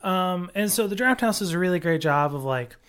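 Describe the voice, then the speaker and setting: A casual podcast co-host who rants heatedly and swears freely. The speech rambles, full of "like" and "um", at a middle pitch. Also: animated, brisk, fairly bright tone, smooth. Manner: profane, ranting, heated; rambling with many fillers.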